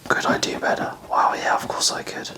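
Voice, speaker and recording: A person whispering a casual, self-deprecating ASMR ramble in a breathy, unvoiced voice, musing in a chatty way. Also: a little fast. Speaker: ASMR video creator.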